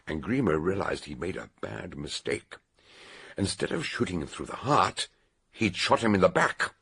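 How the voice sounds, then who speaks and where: The eccentric old detective of this British radio mystery expounds a murder solution, heavily acted. He speaks deliberately and theatrically, his deep, gravelly, husky voice thick with fry and rising and falling with energy.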